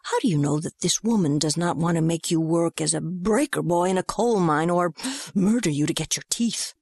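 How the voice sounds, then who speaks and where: A woman's voice: lowish voice, a little mellow, husky, no room sound, clean studio sound. Miss Ticklebaum, woman doing a prim busybody. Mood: officious. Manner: brisk, lecturing and officious. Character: prim, officious young woman, self-important.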